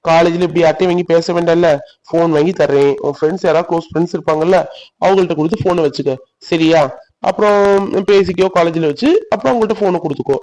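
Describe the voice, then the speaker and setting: A hurt young man in a cartoon who sulks and then coaxes, voiced by a man. His voice sits a little high, and he pushes his point with insistent, pleading persistence. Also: steady tone, fast, darkish tone, dull audio, close to an everyday voice. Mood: coaxing. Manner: sulky, pushy, coaxing. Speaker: cartoon voice actor. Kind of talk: animated village drama voicing.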